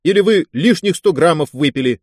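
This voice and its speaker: A man's voice: a little high, expressive, fairly quick, dry recording, clean studio sound, voice pushed up. A man voicing a prim young lieutenant who gets flustered and stiffly indignant.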